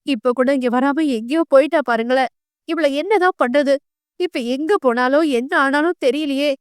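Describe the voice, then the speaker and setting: A frantic, weeping middle-aged mother from an audio novel, as a woman narrator puts her on. She wails in a high voice. The recording is dry and close. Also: normal speed, no echo, lightly acted. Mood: fretful. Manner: wailing, panicked.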